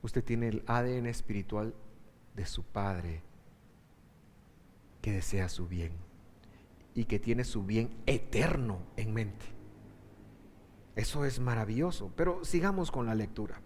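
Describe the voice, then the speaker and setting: A male pastor preaching a sermon emphatically, with sudden surges in pitch and loudness. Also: slow pace, pauses often, a little hiss or hum. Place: church. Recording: echoey hall reverb.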